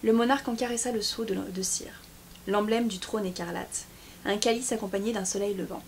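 A woman reading a novel chapter aloud in a steady voice, with small slips and restarts now and then. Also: medium pitch, fairly quick, a little hiss or hum. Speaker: book YouTuber.

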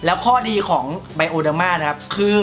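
A man chatting casually as co-host, in quick, animated banter with friends. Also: on the high side, music in the background. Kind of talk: casual chat.

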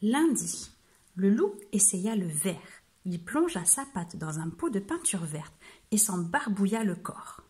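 A woman telling a storybook to young children, reading in a gentle, slow voice. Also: medium pitch, sing-song.

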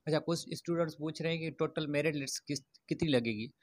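A man's voice: a little high, fast, no room sound. A man speaking plainly to his viewers with student admission updates, in a loose explanatory way full of fillers and restarts. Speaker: education YouTuber. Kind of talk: informal update talk to camera.

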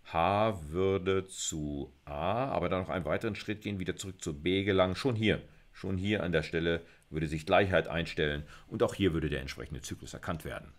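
In a relaxed lecture, a middle-aged computer science professor with a low-pitched voice works through the material fairly quickly, with few pauses. He reasons out loud, asking himself questions and then supplying the answers.

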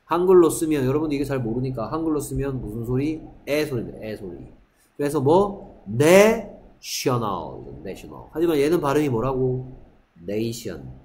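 A middle-aged man gives a classroom lecture, repeating each word and throwing rhetorical questions at his students. His voice sits at a middle pitch. The room is echoey, with a faint hum of ambience behind him. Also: animated, fairly quick, a little mellow. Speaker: middle school English teacher.

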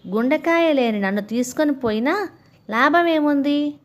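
A woman's voice: high voice, animated, moderate pace, pitched above the performer's own voice. A woman reading a storybook aloud, voicing a clever male monkey who scolds his false friend. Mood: scolding. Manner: sharp, scolding. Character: clever male monkey, quick-witted, indignant.

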